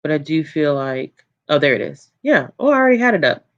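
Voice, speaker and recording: Moving fairly quickly, a book channel host reads out viewer comments during a casual livestream. The voice is low and calm, the mood relaxed with frequent laughter and lots of ums, and the sound is lo-fi.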